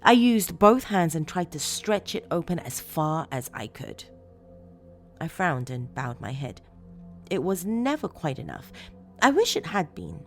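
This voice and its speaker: Over music, a female narrator acts out a first-person horror confession in a heavily acted monologue, playing a disturbed woman with obsessive, unsettling fondness. Her low voice swings expressively in a sing-song way, with deliberate dramatic pauses, and the mood moves from obsessive and rapt to disturbed and pleading.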